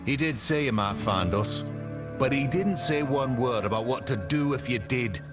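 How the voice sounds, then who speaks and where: A man's voice: mid-range voice, expressive, normal speed, lightly acted. An actor playing a taunting, menacing henchman in a fantasy game, with a sneering, colloquial manner. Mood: taunting threat. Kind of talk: fantasy video game voice acting. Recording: music under the voice. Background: music.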